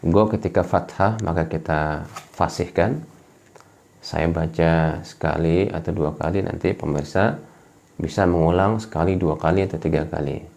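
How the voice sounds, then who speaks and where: Male Quran teacher, low dark gravelly voice, patient and repetitive, demonstrates sounds. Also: moderate pace. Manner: patient, repeats each point and demonstrates sounds. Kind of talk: explaining articulation to home viewers.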